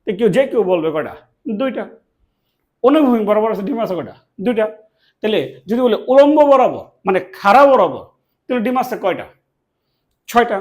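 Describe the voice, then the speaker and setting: A man's voice: high-pitched, sing-song, a little fast, pauses often. A man from Bangladesh, teaching a classroom math lesson, asking questions and answering them himself. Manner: asks and answers his own questions, repeats key words.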